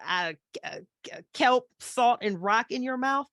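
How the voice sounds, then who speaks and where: A woman's voice: a little high, lively intonation, unhurried, fairly bright tone, no echo, studio quality. A woman running a tabletop horror game, narrating scenes casually and with frequent fillers. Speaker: game master.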